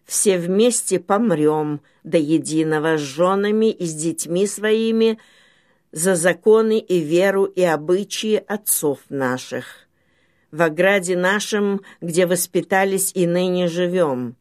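Proud townspeople under siege in an old storybook, voiced by a woman reader. The voice is low and slow, solemn and resolute in its formal defiance. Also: darkish tone. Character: proud defiant besieged townspeople answering a tsar. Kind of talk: storybook reading.

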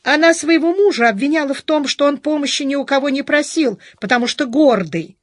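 This is a young wife from an audiobook, read by a woman. Her voice sits high and plaintive, and she keeps up a playful, teasing tone. The recording is dry and close. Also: a little fast, no room sound, natural voice. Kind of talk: audiobook character reading.

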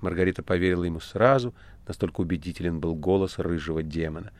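Male audiobook narrator, expressive, fairly low voice, dry close sound. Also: fast, no echo. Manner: dramatic, expressive. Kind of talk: literary audiobook reading.

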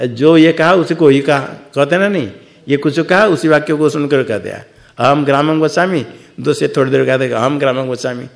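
A man giving a scripture lecture as a teacher, posing questions and answering them himself, repeating words for emphasis. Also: mid-range voice. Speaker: Vedanta teacher.

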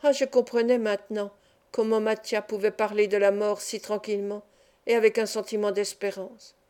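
Mellow woman reading a classic novel. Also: mid-range voice, level tone, normal speed. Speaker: audiobook reader. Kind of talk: literary audiobook narration.

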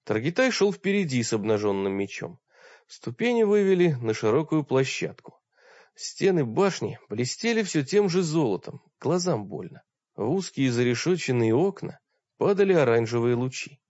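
Male audiobook reader, steady storytelling, muffled and dry. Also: medium pitch, moderate pace, no echo. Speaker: audiobook narrator. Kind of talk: scripted narration. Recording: dull dry recording.

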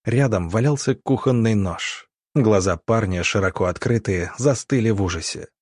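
Low-voiced male audiobook narrator. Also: normal speed, darkish tone, breathy edge, dry recording, studio quality.

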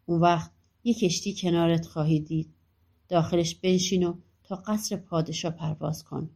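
A woman's voice: lowish voice, fairly even intonation, gravelly, mellow. A woman reading a helpful magic dwarf. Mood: instructing. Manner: instructing, matter-of-fact.

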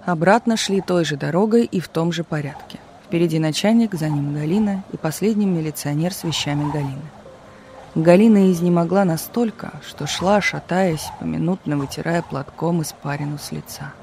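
A man reading a novel aloud in an even, measured narrating voice. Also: fairly high pitch, creaky, slight background noise. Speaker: audiobook reader. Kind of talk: scripted narration.

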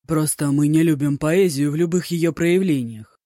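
A narrator doing a calm court officer. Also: mid-range voice, no echo, clean studio sound, natural voice. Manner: calm, measured. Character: calm level-headed male court officer.

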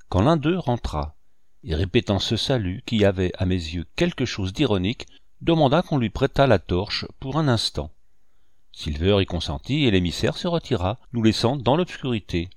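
Man, audiobook narrator, low voice, measured telling, dry close sound. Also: no room sound. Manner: measured, even storytelling.

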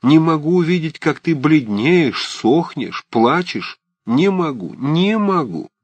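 Brief: agitated old aunt, blunt and fussy, raised and lively, dry close sound, a male reader putting her on. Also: fairly high pitch, slow pace, no echo, voice pushed up, full character voice. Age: older. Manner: agitated, scolding, emphatic. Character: fussy, blunt elderly aunt, warm-hearted. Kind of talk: audiobook character reading.

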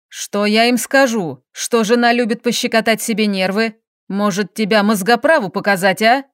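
A woman's voice: medium pitch, steady tone, normal speed, no room sound, clean studio sound, lightly acted. A woman reading the part of an angry, domineering husband who barks and scolds, in a storybook reading. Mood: mocking. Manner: barking, gruff, scolding.

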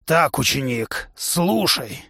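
A man's voice: mid-range voice, sing-song, slow pace, gravelly, pushed and bright, dry recording, clean studio sound, exaggerated voice. A man voicing a bellowing musk-ox trainer. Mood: lecturing. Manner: bellowing, blustering drill-sergeant delivery. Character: huge hot-tempered male musk-ox humanoid club trainer. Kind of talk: audiobook character voice.

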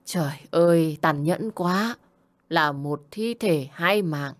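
A woman voicing an older male Buddhist monk who speaks slowly and solemnly. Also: sits low. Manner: slow, solemn pronouncements.

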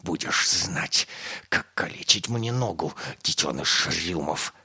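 A man's voice: low-pitched, lively intonation, takes it slowly, sharp tone, husky, heavily acted. A man voicing a spiteful, poisonous female centipede in a storybook, speaking in a hissing whisper.

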